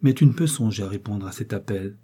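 Brief: man playing an aristocratic prince for an audiobook, quiet and caring. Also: on the low side, fast, slightly rough. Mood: tender concern. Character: proud aristocratic prince, tender with his wife.

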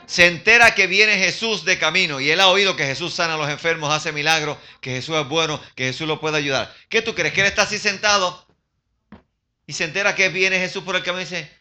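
An older man preaching a sermon in a church, animated, asking his congregation questions and slipping into English phrases. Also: on the high side, fairly quick. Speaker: pastor.

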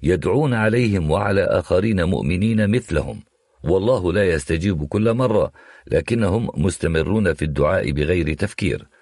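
A man narrating a novel in the first person, in a measured, reflective reading. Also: sits low, animated, a little mellow, no echo, clean studio sound. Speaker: audiobook narrator.

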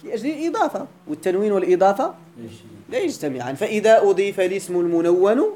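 Moroccan guy teaching grammar, talks fast, pitch jumps around a lot, keeps asking the class if they got it. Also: big pitch swings, mellow, slight background noise. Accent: Moroccan Arabic. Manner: keeps checking that students follow; repeats example words with drawn-out emphasis. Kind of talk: classroom lecture.

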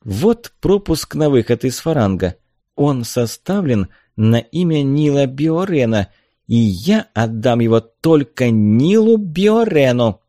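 A man voicing a haughty, angry woman in a storybook reading, sharp and scornful. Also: medium pitch, very animated, takes it slowly, no echo, studio quality, pitched above the performer's own voice.

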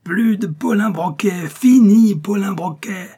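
A man's voice: mid-range voice, normal speed, breathy edge, close to an everyday voice. A man doing a feverish gloating dying villain. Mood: triumphant. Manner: shouting, triumphant ranting. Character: dying, vengeful male criminal, gloating and feverish.

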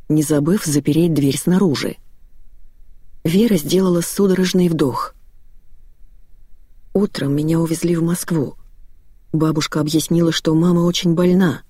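A narrator reading a dark dramatic story in a steady storytelling voice. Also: mid-range voice, breathy edge, no echo, studio quality. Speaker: audiobook narrator.

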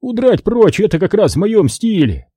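A man's voice: high-pitched, sing-song, normal speed, mellow, breathy edge, no room sound, studio quality, pitched above the performer's own voice, exaggerated voice. A man voicing an easygoing, chatty older café owner, wheedling and jokey, in an audiobook. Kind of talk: audiobook character voice.

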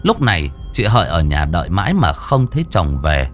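A man's voice: sits low, big pitch swings, fairly quick, soft background music. A man narrating a horror story with dramatic expression.

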